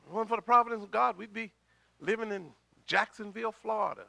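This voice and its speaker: A man's voice: high voice, fast, gravelly, sharp tone, no room sound. A middle-aged man preaching a sermon as pastor, talking in a conversational way, repeating words and swelling in volume, with a slight cough.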